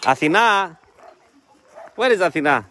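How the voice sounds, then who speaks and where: A man's voice: sits high, expressive, unhurried, sharp tone, a little hiss or hum. Man streaming from a dog shelter. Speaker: animal shelter owner. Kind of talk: casual live-stream chat. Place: outdoor dog shelter yard, dogs barking.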